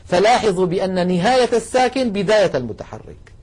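A man lecturing a class, explaining carefully and slowing down to demonstrate sounds, asking students to try along. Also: sits high, big pitch swings, a little mellow, slightly rough. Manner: addresses students directly, asks them to try along. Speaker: Quran recitation teacher.

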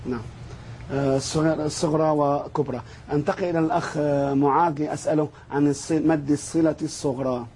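A man hosting and moderating a recitation lesson, courteous and brisk with quick affirmations. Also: fairly high pitch, fairly even intonation, mellow, a little hiss or hum. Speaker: program host and moderator.

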